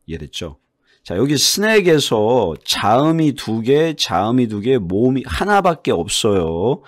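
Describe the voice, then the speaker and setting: A man teaching English pronunciation to Korean learners, with a Korean accent. He explains in short bursts and slowly stretches out the English words he stresses. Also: medium pitch, sing-song, no room sound, clean studio sound. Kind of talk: online English lesson.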